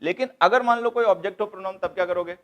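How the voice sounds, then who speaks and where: A man teaching grammar in a slightly high voice. He breaks each rule down patiently and circles back to the main points. He lectures in the tone of a classroom. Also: racing, fairly bright tone. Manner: explains step by step, repeats key points, mixes English terms into Hindi.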